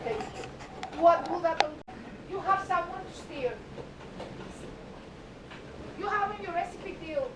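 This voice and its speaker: A Greek woman with a Greek accent gives a live cooking demonstration to an audience on a cruise ship, playful and emphatic, repeating words and asking questions. She's animated, speaking at a moderate pace with frequent pauses. The room is echoey, the mic distant, with a noisy rumble.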